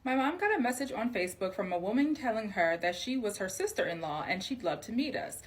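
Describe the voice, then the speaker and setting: A woman's voice: medium pitch, sing-song, brisk. An American woman hosting a gossipy storytime, talking in a sassy, conversational, slangy way with casual swearing. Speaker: host reading out listener-submitted family stories.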